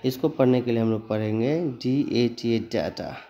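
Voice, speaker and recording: An English teacher gives a spoken pronunciation lesson in a dark, mid-range voice, and the audio sounds dull. He spells each word out letter by letter at a slow, deliberate pace, moving between Hindi and English as he teaches.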